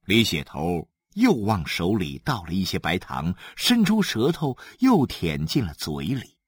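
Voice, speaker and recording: Animated man reading a novel aloud. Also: low-pitched, measured pace, slightly rough, no echo, clean studio sound. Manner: animated, acts out the scenes. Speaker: storyteller.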